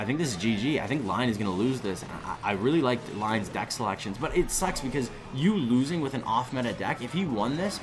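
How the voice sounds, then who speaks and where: A man's voice: mid-range voice, noisy background. A young man giving live esports commentary in a chatty, rambling way, taking asides between plays. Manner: chatty, rambling asides, animated when excited. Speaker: esports caster.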